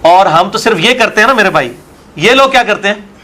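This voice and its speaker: A man's voice: high voice, animated, brisk, bright, forceful tone. A man, a religious scholar arguing his view in an interview and asking rhetorical questions. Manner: argumentative, full of rhetorical questions.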